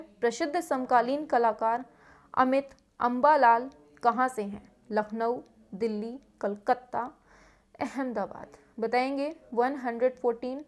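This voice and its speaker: A young woman teacher running an exam quiz lesson, reading each question and its options in a steady rhythm. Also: on the high side.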